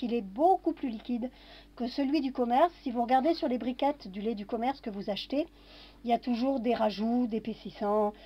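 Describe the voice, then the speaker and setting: Chatty woman demonstrating in a kitchen. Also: a little high. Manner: chatty, narrates each step with little fillers. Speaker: home cooking vlogger. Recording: dull lo-fi home recording.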